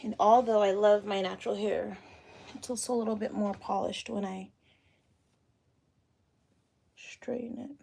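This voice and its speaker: Speaking into her phone camera at home, a realtor in her late thirties answers viewers' questions in a loose, chatty livestream Q and A while doing her hair and thinking aloud. Her medium-pitched voice is mellow and dark with a gravelly fry, and she talks at a measured pace with long pauses.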